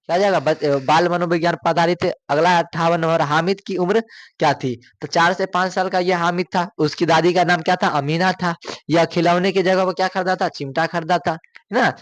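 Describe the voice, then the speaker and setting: A man's voice: high-pitched, steady tone, a little fast, fairly bright tone, no room sound. Teacher man drilling exam questions. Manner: repeats questions, asks viewers to answer.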